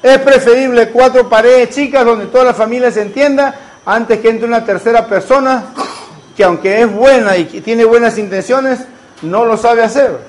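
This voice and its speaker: A man's voice: very high-pitched, normal speed, low-quality recording. A man, preaching a sermon as a pastor and asking the congregation rhetorical questions.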